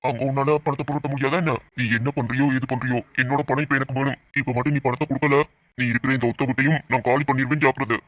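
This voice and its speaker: A man's voice: mid-range voice, little pitch movement, fast, fairly bright tone, no room sound, voice pushed down, close to an everyday voice. A man voicing a harsh older moneylender who threatens and demands money in a Tamil audio drama. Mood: menacing. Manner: menacing, demanding, cold.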